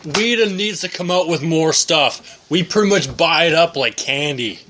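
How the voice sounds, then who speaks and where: A man co-hosting a casual podcast with a bright, forceful voice that sits somewhat high. He jumps in with short jokes and teasing quips. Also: animated. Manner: joking, quick teasing quips. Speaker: podcast co-host.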